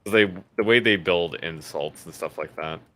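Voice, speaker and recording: A young man chatting with a friend during a video game, explaining his thoughts in an animated, loose way with plenty of fillers. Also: low voice, normal speed. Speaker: co-player. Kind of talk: casual gameplay chat.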